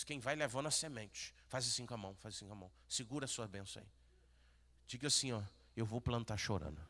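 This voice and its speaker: A man with a Brazilian Portuguese accent, a pastor preaching a sermon, swinging from quiet murmurs to shouted peaks. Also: medium pitch. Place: large church hall. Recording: echoey church hall.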